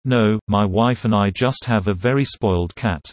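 A man reading short translated phrases for a language lesson in a measured, clear way. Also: lowish voice, no echo. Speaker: phrase reader.

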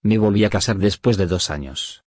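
Deep husky man reading lesson phrases. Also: no room sound, clean studio sound. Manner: slow, even phrase-by-phrase reading. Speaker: phrase reader.

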